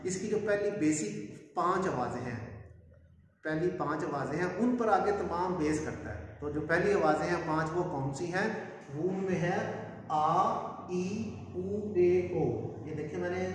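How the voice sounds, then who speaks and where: A man teaching a video lesson and slowly drawing out each sound in pronunciation drills. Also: fairly high pitch, a little hiss or hum. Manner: slow drawn-out pronunciation drills. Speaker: language teacher. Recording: echoey room from far off.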